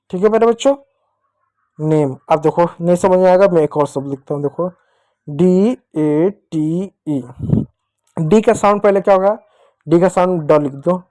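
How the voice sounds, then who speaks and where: A man's voice: high-pitched, warm tone, no echo. A male teacher giving an online lesson to young children. He patiently drills each point and asks questions that he answers himself. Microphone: writing with a digital pen while talking.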